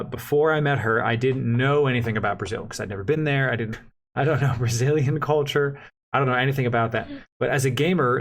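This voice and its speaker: A young man, a vlog co-host, telling a story in casual chat with animated, lively delivery. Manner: animated storyteller, jumps up in pitch for quoted voices; fast talker, says so himself.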